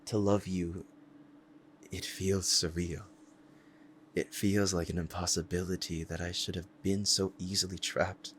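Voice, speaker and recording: A man voicing a powerful, possessive and devoted demon in an intense, deliberate ASMR roleplay monologue. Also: sits low, little pitch movement, a bit bright, slight background noise. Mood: tender, yearning. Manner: intense, deliberate, dramatic pauses.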